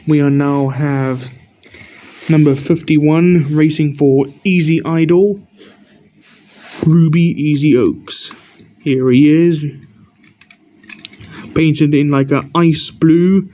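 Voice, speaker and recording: A tired man who keeps yawning gives a rambling, halting show-and-tell of his toy collection as the channel host, pointing out details one by one. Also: a little high, steady tone, dark tone. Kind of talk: casual show-and-tell narration. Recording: dull lo-fi recording.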